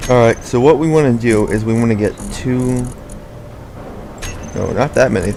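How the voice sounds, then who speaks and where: A young man, out of breath, gives casual, rambling gameplay commentary and often corrects himself mid-sentence. His medium-pitched voice is creaky and warm at a normal speed, with a little hiss or hum in the background.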